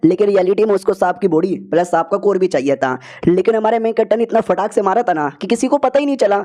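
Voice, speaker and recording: A man's voice: high-pitched, fast, warm tone. A man narrating a story recap in a chatty, slangy way.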